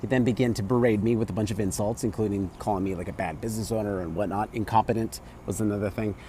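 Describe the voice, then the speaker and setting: A man who runs a food truck, telling an exasperated, animated story to camera outdoors. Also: lowish voice, quick pace, slight background noise. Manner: animated, exasperated retelling with quoted voices.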